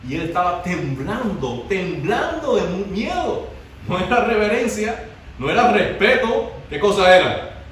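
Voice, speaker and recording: A man preaching a sermon to a youth group, asking the congregation questions and swinging between hushed and emphatic delivery. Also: sits high, sing-song, a little slow, slight background noise. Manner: call-and-response questions to the congregation. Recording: very echoey hall, mic far off.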